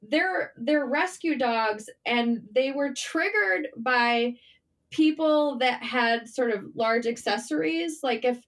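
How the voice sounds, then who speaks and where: A middle-aged writer from Michigan appears as a podcast guest, telling personal stories in a relaxed interview and leaning on emphatic repetition. Her American voice is high, slow and a little bright.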